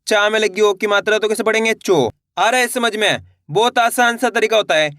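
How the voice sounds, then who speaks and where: Male teacher, bright crisp voice, dry recording, patient step-by-step drilling. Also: high-pitched, fairly quick, no echo. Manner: patient, repeats each step, asks the viewer questions. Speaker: Hindi reading teacher. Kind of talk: slow spelled-out reading lesson.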